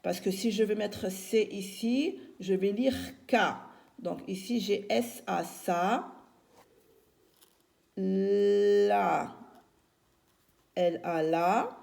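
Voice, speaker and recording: A woman teacher walks young children through a spelling lesson, slowly sounding out syllables and naming each letter. Her voice is dark and mellow with a gravelly edge, and she speaks at an unhurried pace. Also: mid-range voice. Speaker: primary school teacher.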